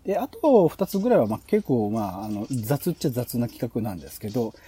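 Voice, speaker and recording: A man with a husky, warm, mid-range voice hosts a podcast, sounding very animated and talking a little fast. He casually pitches show ideas, thinking aloud in long, loosely connected sentences.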